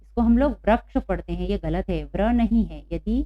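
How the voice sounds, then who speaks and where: A woman's voice: medium pitch, normal speed, no room sound. A woman teaching a lesson to children, patiently asking questions and repeating the answers. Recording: dull, dry lo-fi recording.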